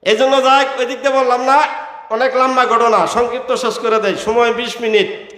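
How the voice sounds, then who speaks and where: A man's voice: very high voice, level tone, moderate pace, fairly bright tone. A man preaching a sermon, telling a story in a sing-song chant and asking his audience questions. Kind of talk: sung Bengali waz sermon storytelling. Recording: echoey hall with long reverb.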